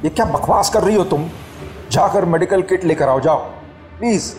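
A man voicing a distraught middle-aged father who shouts in desperation. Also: on the high side, animated, measured pace, voice pushed up. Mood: desperate shouting.

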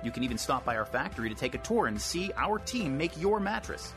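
A man reads a radio ad quickly, his pitch bouncing around in an upbeat sales pitch. Music plays clearly behind him. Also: sing-song. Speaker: announcer. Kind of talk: radio ad read.

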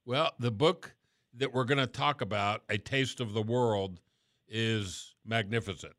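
Chatty radio host, bright dry voice. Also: male voice, fairly low pitch, a little slow, no echo. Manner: chatty, relaxed, trailing off at phrase ends. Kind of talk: casual radio talk and interview.

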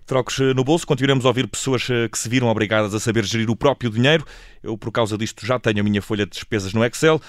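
A man's voice: medium pitch, rapid-fire, no room sound, clean studio sound. A man with a European Portuguese accent, hosting a conversational interview and putting questions to a guest. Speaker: interviewer and show host.

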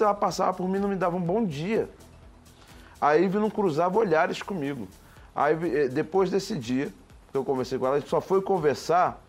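A man in his forties recounts events in an animated interview, voice sitting a little high. He talks emphatically, stumbles and restarts, and acts out the quotes he tells. Faint music plays behind him. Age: 40s. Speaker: former reality show contestant.

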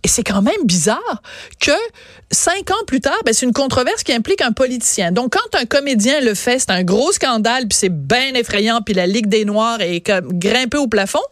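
A woman with a Quebec French accent interviewing guests, asking quick, teasing questions. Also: a little high, lively intonation, no room sound, clean studio sound.

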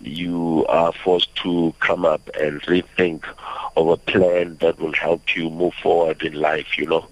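A young man with a South African accent giving a halting, reflective personal account as a radio interview guest. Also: deep voice, little pitch movement, no room sound. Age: young adult. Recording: slightly muffled radio audio.

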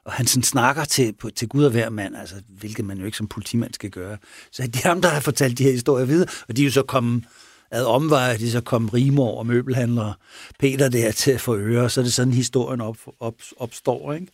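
A man casually retelling a true crime story, animated and chuckling as he goes, often checking in with his listener. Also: mid-range voice, dry recording, clean studio sound. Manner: chuckling, animated, asks for agreement.

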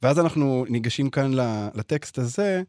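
A man discusses a passage hesitantly, stopping and restarting as he looks for words. His voice has a middle pitch. It is recorded dry and close in a studio. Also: expressive, darkish tone, dry recording. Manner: hesitant, many fillers and restarts. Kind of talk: casual discussion.

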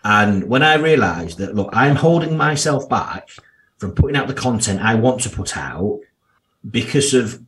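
A man's voice: mid-range voice, expressive, normal speed, a bit bright. A man in his thirties with a strong Yorkshire accent, talking candidly as an interview guest in a blunt, down-to-earth, slangy way. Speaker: podcast guest, financial services professional.

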